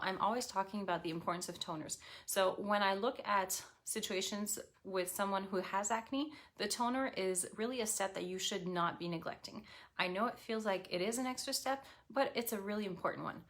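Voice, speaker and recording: A woman's voice: medium pitch, a bit bright. A woman presenting skincare products in a tutorial, speaking directly to the viewer in an instructive, friendly way.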